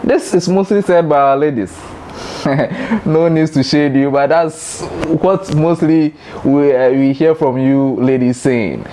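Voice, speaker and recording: A man with a Ghanaian accent hosting a light educational talk, playful and laughing, jumping into high mock voices. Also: takes it slowly, mellow, a little hiss or hum. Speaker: host.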